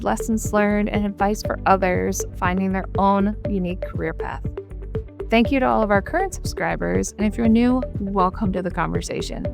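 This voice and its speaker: Woman host, gravelly voice, scripted intro, music playing behind. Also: mid-range voice. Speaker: podcast host, architect.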